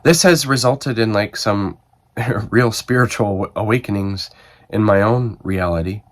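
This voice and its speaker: A man with a cold, his voice rough and stuffed up, chatting casually to camera about reading and rambling as he thinks aloud with many restarts. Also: fairly low pitch, normal speed. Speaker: book video host.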